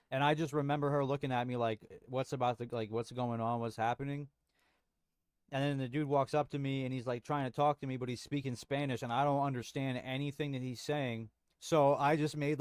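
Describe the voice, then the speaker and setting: A man's voice: medium pitch, darkish tone, clean tone, no room sound, clean studio sound. A young man streaming from home, chatting casually with viewers in a rambling, slangy way full of restarts. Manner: rambling, frequent restarts and slang, says bro a lot. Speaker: livestream host.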